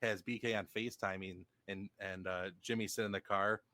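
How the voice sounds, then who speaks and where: Dry-sounding podcast co-host telling stories. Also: male voice, fairly low pitch, brisk, dry recording. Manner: storytelling, relaxed, quotes others in excited voices. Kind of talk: casual chat.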